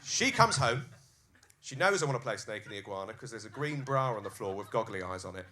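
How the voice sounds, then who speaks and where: A man performs stand-up on a club stage into a handheld mic. His voice is on the low side and has a forceful, bright edge. He acts out every scene with crude, animated energy. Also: brisk. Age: 30s. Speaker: stand-up comedian. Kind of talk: stand-up comedy set. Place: comedy club stage, live.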